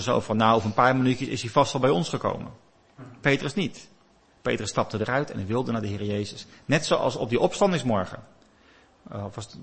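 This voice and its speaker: A man preaching a sermon, telling a story with animated rises and drops in his voice. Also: on the high side, gravelly, breathy edge.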